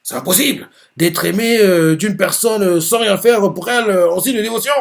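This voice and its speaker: Man reading out a proud, intense young male wizard, pitched up and fervent. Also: moderate pace, vocal fry. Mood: scornful. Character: arrogant young male wizard, devoted to his father.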